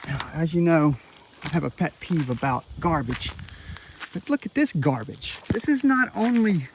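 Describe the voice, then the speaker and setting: A man's voice: fairly high pitch, normal speed. A man hosting a wildlife video outdoors, talking to the camera in an exclamatory, admiring, colloquial way. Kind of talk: outdoor vlog narration, talking to camera and animals. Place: outdoors by a rural road. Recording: clear outdoor background noise. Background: outdoor noise.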